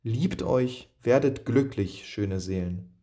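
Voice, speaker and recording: A man reading the lines of a grave, resolute male friend who is saying farewell, in a solemn, measured way. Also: mid-range voice, dark tone. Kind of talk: audiobook reading of quoted speech.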